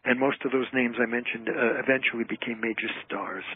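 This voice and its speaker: Steady in tone and a little fast, his medium-pitched voice carries a breathy edge. He's a guest entertainer telling stories and explaining in an interview heard over a narrowband, phone-like radio line.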